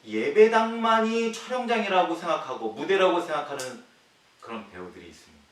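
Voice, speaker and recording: Animated preaching man in an echoey church. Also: fairly quick. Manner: preaching with rhetorical questions to the congregation; swings between loud emphatic lines and quiet low ones. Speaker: pastor. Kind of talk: sermon. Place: church sanctuary. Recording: echoey hall, distant mic, faint hiss.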